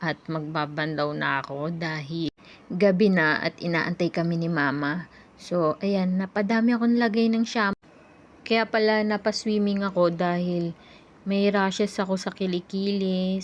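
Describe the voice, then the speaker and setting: A young woman in a casual personal vlog, talking in a soft, rambling, confiding way. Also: lowish voice, fairly even intonation, unhurried. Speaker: vlogger.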